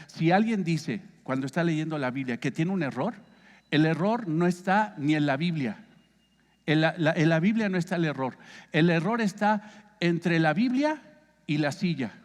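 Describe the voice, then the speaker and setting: A man's voice: fairly high pitch, big-room sound. A man with a Mexican accent teaching a Bible study as pastor, conversational and asking his listeners questions. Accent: Mexican Spanish. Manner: conversational, asks the congregation questions.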